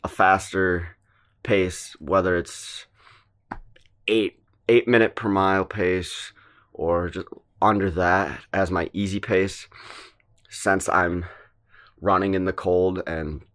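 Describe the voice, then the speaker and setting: A young man talking casually to the camera as a fitness vlogger, in a relaxed and plain-spoken way, thinking aloud with small restarts. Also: low-pitched, takes it slowly, long pauses. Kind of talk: casual vlog talk to camera.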